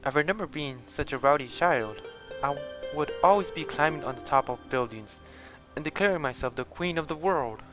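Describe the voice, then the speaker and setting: A man's voice: a little high, lively intonation, moderate pace, music in the background, pitched above the performer's own voice, lightly acted. A man voicing a cheerful young woman with a sweet tooth, reading game dialogue aloud in a raised, eager voice. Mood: bubbly. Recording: slightly muffled lo-fi sound.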